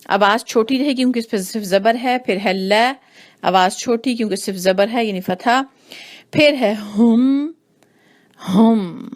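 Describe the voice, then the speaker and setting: A woman teaching Quran recitation rules, explaining slowly and repeating each sound to demonstrate it. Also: mid-range voice. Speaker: tajweed teacher. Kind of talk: patient recitation lesson.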